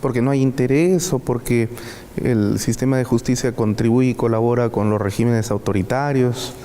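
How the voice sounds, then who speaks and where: A man's voice: steady tone, normal speed, warm tone. A man hosting an interview, cutting in with probing follow-up questions. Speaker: interview host. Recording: reverberant room with faint low rumble.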